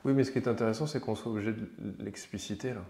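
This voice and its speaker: A man's voice: fairly low pitch, steady tone, racing, warm tone, reverberant. A man hosting an interview, probing his guest and thinking aloud with frequent restarts. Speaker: interviewer, host. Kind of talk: conversational interview.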